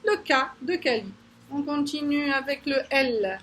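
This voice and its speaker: A woman preschool teacher explaining letter sounds to parents, animated and repeating each sound slowly several times. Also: high-pitched, slight background noise.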